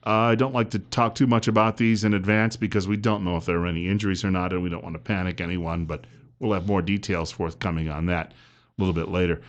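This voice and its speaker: A man hosting live talk radio with a smooth radio host delivery, running through breaks, station plugs and caller introductions. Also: low-pitched, steady tone, fast, muffled recording.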